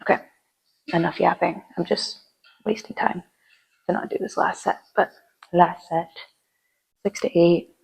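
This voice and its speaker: A woman's voice: on the low side, fairly even intonation, unhurried, vocal fry, long pauses, darkish tone, breathy edge, low-quality recording. A woman chatting through her gym workout, giving casual lifting tips between sets, sometimes out of breath. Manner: chatty, rambling, with fillers. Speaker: fitness vlogger.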